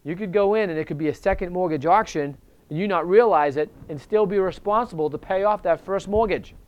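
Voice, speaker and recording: Guy telling a real estate story, kinda high voice, acts out the dialogue. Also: fairly quick, dull audio. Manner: animated, acts out quoted dialogue. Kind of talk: casual storytelling advice talk.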